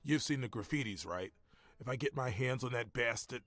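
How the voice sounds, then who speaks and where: An actor playing a chatty, leering older gym worker in a noir game, raspy and folksy. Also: male voice, medium pitch, normal speed, a bit bright, no echo, lightly acted. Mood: gossipy, lively. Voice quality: raspy, gravelly.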